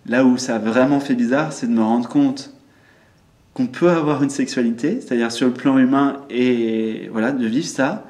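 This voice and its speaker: A man calmly reflecting, as a spiritual teacher, in a group discussion, pausing often. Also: medium pitch. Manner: calm, reflective, hesitant with many pauses. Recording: roomy echo.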